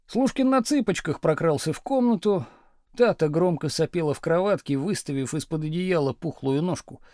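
A man's voice: fairly high pitch, no room sound. A man reading an audiobook, his voice rising and falling freely through the narration. The sound is dry and close to the mic, with no room heard around him. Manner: lively, expressive reading.

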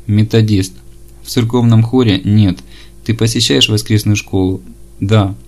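A man reading an audiobook chapter, voicing every part in the same measured, level delivery. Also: lowish voice, mellow. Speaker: audiobook narrator.

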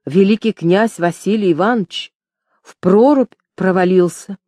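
A woman's voice: mid-range voice, normal speed, mellow, dry recording, studio quality, natural voice. A woman voicing a rash young nobleman in an audiobook, hasty and chattering. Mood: alarmed.

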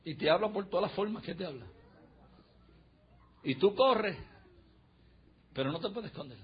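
A man preaching a fiery sermon in church, emphatic and preacherly, swinging from shouts to low murmurs. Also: animated, normal speed. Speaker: pastor. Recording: dull lo-fi recording.

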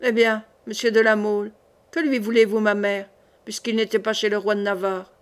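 A woman's voice: medium pitch, level tone, normal speed, natural voice. A woman reading as a curt, brutal young king.

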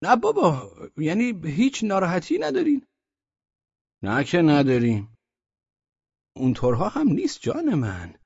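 A man's voice: wildly swooping pitch, long pauses, a little mellow, breathy edge, no echo, heavily acted. A man voicing a flustered, evasive official in an audiobook, stammering and hedging. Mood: flustered insistence. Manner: stammering, high-pitched, pleading. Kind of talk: audiobook character voice. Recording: dull, dry audio.

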